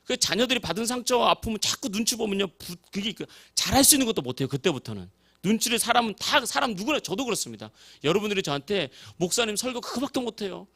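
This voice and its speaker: Man, pastor, sermon, acts out quoted voices, high-pitched, lively intonation. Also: quick pace. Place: church sanctuary.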